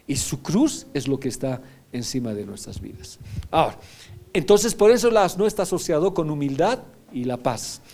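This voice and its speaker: Pastor preaching in a mellow voice. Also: male voice, on the high side, very animated, moderate pace, gravelly. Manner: teaching, often checking in with "¿ya?". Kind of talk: sermon.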